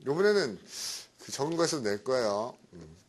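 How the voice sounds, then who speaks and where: A man's voice: mid-range voice, big pitch swings, moderate pace. A middle-aged man lecturing on English vocabulary to a class, chatty and often checking in with his students. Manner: chatty, keeps asking "right?".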